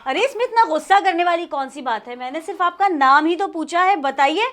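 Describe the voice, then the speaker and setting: A woman's voice: extremely high pitch, animated, brisk, fairly bright tone. A woman hosting a comedy talk show, introducing the guest politely and then teasing and questioning him. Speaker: host.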